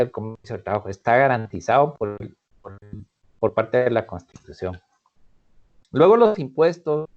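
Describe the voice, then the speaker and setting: A man gives a formal, deliberate lecture over a video call. The connection is choppy and keeps breaking up. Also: medium pitch. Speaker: webinar presenter on tax. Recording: muffled lo-fi video call audio.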